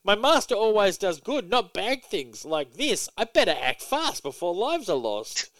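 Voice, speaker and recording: A man voicing a loyal, easily shocked super-powered dog from a comic, with a high, anxious tone. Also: sing-song, unhurried, fairly bright tone, no room sound, heavily acted.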